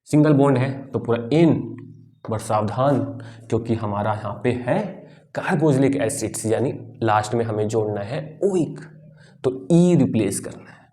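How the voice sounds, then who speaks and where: A male teacher with a mellow, warm voice, pitched in the middle range. He explains patiently, one step at a time, and keeps turning to his students with questions that he then answers himself. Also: lively intonation, a little slow. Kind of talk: classroom lecture.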